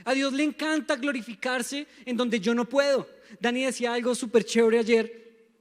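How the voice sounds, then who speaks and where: A man's voice: very high voice, fairly even intonation, moderate pace. A young man from Colombia with a Bogotá accent preaching a sermon, emphatic and calling on the congregation to repeat after him. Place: church sanctuary. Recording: long church hall reverb.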